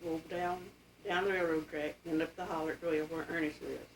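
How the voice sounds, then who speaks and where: An elderly woman with an Appalachian accent and a fairly low voice. She talks in a plain, folksy, reminiscing way. The recording is faintly noisy, with the mic some distance off. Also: level tone, fairly quick. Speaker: interviewee telling family history. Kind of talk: casual oral-history reminiscence.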